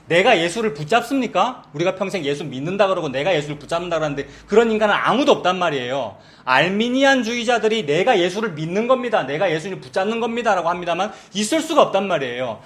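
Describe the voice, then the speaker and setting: A middle-aged male pastor preaching a sermon in a conversational way, asking the congregation questions. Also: high-pitched.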